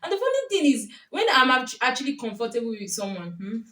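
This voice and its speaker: Fast, very animated and forceful, this young woman's voice is a little high and bright, carrying a Nigerian accent. A Yoruba speaker working as a vlogger and coach, she tells stories to camera, gives casual relationship advice and laughs often. The audio is roomy and distant.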